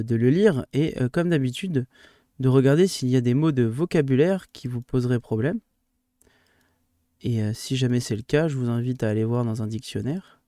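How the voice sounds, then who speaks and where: A man's voice: medium pitch, mellow, no echo, studio quality. A male primary school teacher recording a remote lesson for his pupils, hesitant with many fillers and restarts, livelier when he explains a rule.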